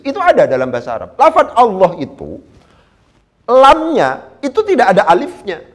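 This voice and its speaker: A man teaching Quran Arabic grammar in a lively lecture, his somewhat high voice swinging widely up and down. He speaks with a lilt and keeps asking his listeners rhetorical questions. He slows right down to recite verses.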